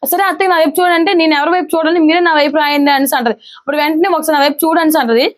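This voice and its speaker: A woman with a high voice races through a casual recap of a TV serial episode. She acts out each character's lines at a very fast clip, hardly pausing between them. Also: steady tone.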